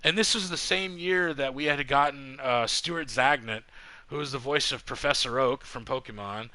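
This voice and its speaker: A man in the middle of his range tells a story with lots of swearing, swinging between heated retellings and mumbled asides. His voice is bright and forward. The sound is dry and close, like a home setup. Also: medium pitch, normal speed, no room sound. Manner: profane, animated, quotes others heatedly. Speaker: podcast host telling a story while playing a game. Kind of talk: casual storytelling.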